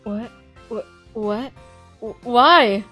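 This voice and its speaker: A bashful, easily flustered anime student, voiced by a woman in a fan dub. The mid-pitched voice is hesitant and stammering, modest and apologetic, with music playing underneath. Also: fairly even intonation, moderate pace, natural voice. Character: shy, flustered, modest student with secret hobby.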